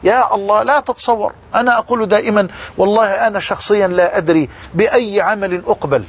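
A man's voice: sits high, quick pace, slightly rough. A man preaching a sermon with an Egyptian Arabic accent, telling a story fervently and repeating key words for emphasis.

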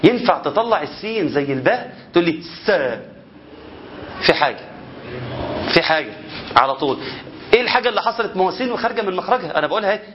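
A man's voice: high voice, animated, racing, highs cut off, a little hiss or hum. A man with an Egyptian Arabic accent teaching Quran recitation, who keeps asking rhetorical questions and demonstrating how letters should sound. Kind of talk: spoken lesson on tajweed.

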